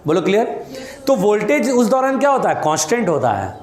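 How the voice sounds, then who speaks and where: A man's voice: sits high, big pitch swings, fairly quick, darkish tone, roomy sound. A man teaching physics in a classroom, repeating his points, calling students "beta" and scolding anyone who chats. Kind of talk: classroom lecture.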